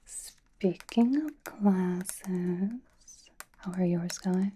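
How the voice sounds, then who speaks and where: A woman's voice: lowish voice, steady tone, extremely slow, warm tone, slight background noise. A woman whispering a roleplay monologue to the listener in a library, teasing and blunt.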